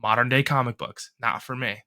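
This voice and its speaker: Bright-voiced rambling podcast guy. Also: mid-range voice, moderate pace. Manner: rambling, swears a lot, animated rants. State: lingering cough and congestion. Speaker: podcast co-host. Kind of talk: casual podcast chat.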